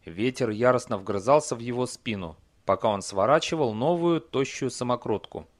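A man reading a fantasy story aloud as audiobook narrator, measured and even. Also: medium pitch, dry recording. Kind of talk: scripted narration.

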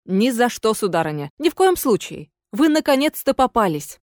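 A woman doing a cool, polite young gentleman. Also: on the high side, normal speed, no echo, studio quality. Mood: coldly mocking. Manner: calm, courteous and cold. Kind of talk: audiobook character voice.

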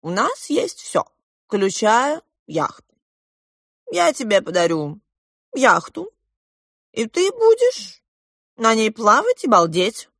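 A woman's voice: fairly high pitch, huge pitch swings, takes it slowly, pauses often, a bit bright, dry recording, pitched above the performer's own voice, full character voice. Lady doing a bossy fairy tale king, showy and playful, barks out commands, dry booth sound. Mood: commanding. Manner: commanding proclamations. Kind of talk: audiobook character voice.

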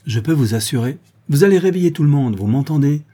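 A man's voice: fairly high pitch, animated, fast talker, mellow, slightly rough, pitched above the performer's own voice. A man voicing a cold, tense male police inspector who gives curt, commanding orders in an audiobook.

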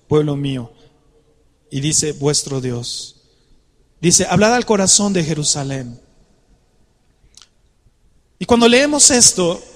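High-voiced preacher in a reverberant hall. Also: male voice. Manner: animated, conversational, coaxing the congregation. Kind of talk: sermon.

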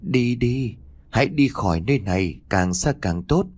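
A man's voice: mid-range voice, animated, moderate pace, darkish tone, no echo, pitched above the performer's own voice, lightly acted. A man voicing the ghost of an old grandmother urgently warning her granddaughter to run far away.

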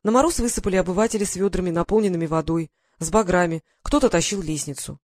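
A man reading a first-person adventure story aloud in steady storytelling style with dramatic lifts. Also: high voice, quick pace, no echo, studio quality. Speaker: audiobook narrator. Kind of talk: scripted first-person narration.

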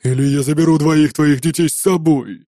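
A man voicing a greedy viking warrior who talks with slow, mocking menace. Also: a little high, fairly even intonation, warm tone, dry recording, studio quality, close to an everyday voice. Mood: threatening.

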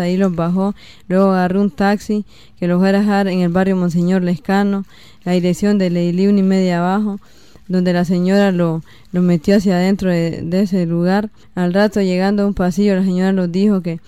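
Young woman, 18, Nicaraguan accent, halting testimony, lots of fillers, flat, dark, very smooth, dry. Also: medium pitch, dry recording. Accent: Nicaraguan Spanish. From Matagalpa, Nicaragua. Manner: halting, many fillers and restarts. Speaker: interviewee. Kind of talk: personal testimony.

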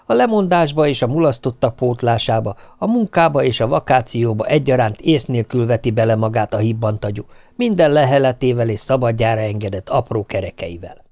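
A man's voice: mid-range voice, expressive, darkish tone, no echo. A man narrating an audiobook with dry, wry storytelling.

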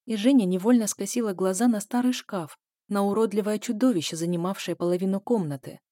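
A woman narrates an audiobook in a measured, dramatic way. Her voice is mellow and dark, and the recording is close and dry with no room sound. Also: medium pitch, no echo. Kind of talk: scripted narration.

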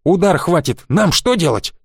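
Man doing a raised-pitch young woman, scolding, sharp-tongued, audiobook, dry sound. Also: lively intonation, normal speed, breathy edge, no echo. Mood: indignant. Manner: scolding, hissing.

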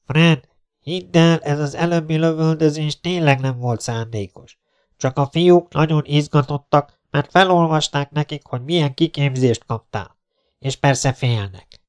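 A man voicing an earnest male friend who pleads over a loudspeaker to calm things down. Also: on the high side, clean tone, pitched above the performer's own voice, lightly acted. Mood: pleading.

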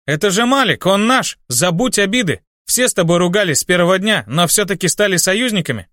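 Urgent young templar woman, put on by a male narrator, high pleading voice, dry audiobook read. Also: lively intonation, a little fast, pushed and bright, no room sound.

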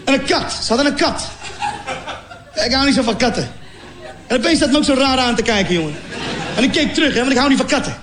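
A man's voice: extremely high pitch, lively intonation, fast talker, pauses often. A man from Morocco telling a stand-up comedy story, acting out scenes with sound effects and mock voices.

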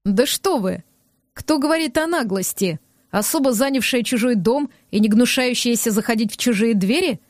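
A woman's voice: a little high, animated, moderate pace, dry recording, studio quality, natural voice. A woman reading the part of a rude, irritable young man who snaps and sneers in an audiobook. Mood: gruff. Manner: curt, snapping, scornful.

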